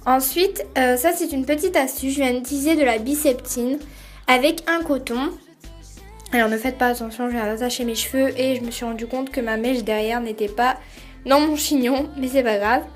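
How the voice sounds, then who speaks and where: Young woman's voice-over, soft music. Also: high voice, moderate pace. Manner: hesitant, many fillers. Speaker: beauty vlogger. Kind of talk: casual voice-over explaining a routine. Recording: voice-over with faint music behind.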